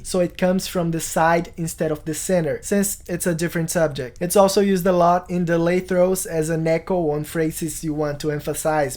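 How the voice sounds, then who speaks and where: Clear-spoken man presenting a tutorial. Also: on the high side, a little mellow. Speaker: music production tutorial host. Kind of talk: explanatory video tutorial to camera. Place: small home studio, indoors.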